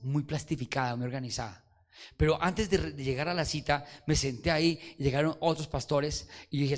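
A man with a Colombian accent preaching a sermon, telling stories with lively emphasis and having the congregation repeat phrases to each other. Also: mid-range voice. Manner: animated storytelling, calls on congregation to repeat. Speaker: pastor.

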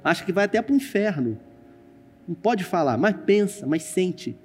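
Soft music plays behind this male pastor, who has a high, husky voice with big swings in pitch and a normal speaking speed. Speaking with a Brazilian Portuguese accent on a church stage with a screen, he tells a personal story within his sermon and turns dramatically to the congregation.

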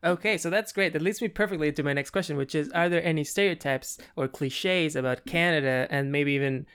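Brief: male podcast host, upbeat and eager, smooth resonant voice a touch high. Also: a little fast, fairly bright tone. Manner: enthusiastic, scripted intros. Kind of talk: podcast interview.

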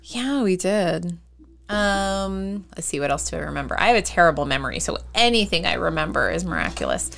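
A woman's voice: fairly low pitch, big pitch swings, a little fast, creaky, a bit bright. A woman who used to co-host a podcast, chatting casually in a studio in a self-deprecating way.

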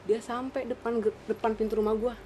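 This young Indonesian woman, from around Cibinong, is the storyteller in a group chat, spinning a ghost story in relaxed, animated Jakarta slang with a Jakarta-area accent. Her mellow voice sits on the high side, a little fast and flat in delivery, against clearly noisy room ambience.

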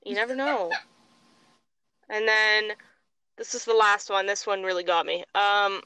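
A young woman from Alberta, Canada co-hosts a podcast and casually reads out online comments, sounding amused and giggly. Her voice is bright and smooth, recorded close and dry with no room around it. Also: medium pitch, fairly even intonation, unhurried, dry recording, poor audio. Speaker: podcast co-host.

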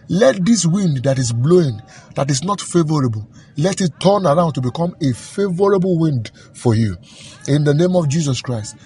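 A man's voice: fairly high pitch, a little mellow, husky. Fervent male preacher commanding in prayer. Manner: rhythmic repetition, commanding, emphatic.

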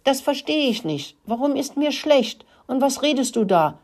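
A woman voicing a clueless, quick-tempered young male rat in a storybook reading, whiny and grumbling. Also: mid-range voice, animated, breathy edge, voice pushed up. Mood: angry. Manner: whiny, grumbling, gets loud.

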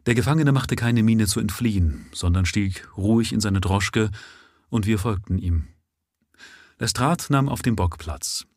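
A man sight-reading a novel aloud live, with steady storytelling. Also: on the low side, measured pace, breathy edge, dry recording, clean studio sound. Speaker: reader.

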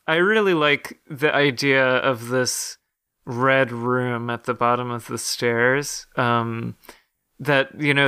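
A man's voice: medium pitch, bright, forceful tone, clean tone, no room sound, studio quality. A man co-hosting a podcast, chatting casually about a horror film with many fillers and restarts. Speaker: podcast co-host.

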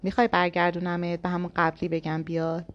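A woman's voice: lowish voice, completely flat delivery, dull audio, lightly acted. A woman reading the lines of a blunt, impatient young man giving orders in a storybook. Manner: blunt and bossy.

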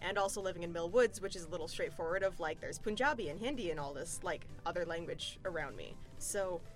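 A woman's voice: lowish voice, fast talker, faint music behind. A young woman, talking as a podcast guest in a bubbly, self-deprecating way with a Valley-girl-like lilt. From Canada. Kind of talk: casual interview talk.

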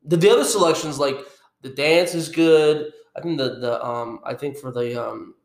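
A young man in casual chat, relaxed and halting, full of restarts and "like". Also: on the high side. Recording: roomy echo.

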